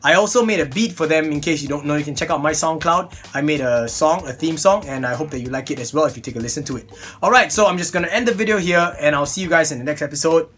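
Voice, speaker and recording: This young Singaporean toy blaster reviewer talks fast in a fairly high, slightly bright voice. He sits at a desk in a small room for his casual vlog, staying chatty and upbeat and leaning heavily on "really, really."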